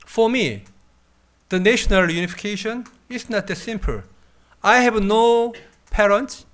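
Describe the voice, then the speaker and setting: A man in his fifties from South Korea with a Korean accent, giving a university lecture in a halting, thoughtful way with frequent pauses. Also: sits high, a bit bright. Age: 50s. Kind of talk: classroom lecture.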